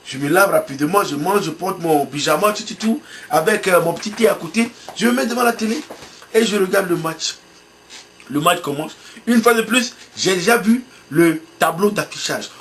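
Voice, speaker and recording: Man preaching, tells it like a lively story, bit of faint noise behind. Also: sits high. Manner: animated storytelling, acts out his own excitement. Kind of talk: sermon illustration told as a story.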